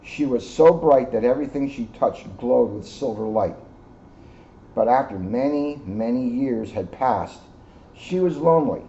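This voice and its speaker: A middle-aged American police officer reads a picture book to children and gives an informal educational talk, delivering it deliberately and emphatically, phrase by phrase. His mid-range voice is mellow with lively intonation. The audio is muffled, with clear background noise.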